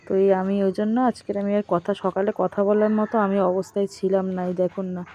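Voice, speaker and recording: A woman's voice: mid-range voice, flat delivery, quick pace, warm tone, highs cut off. A woman in her thirties with a sore, strained throat, giving a chatty, rambling home vlog voice-over. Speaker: vlogger.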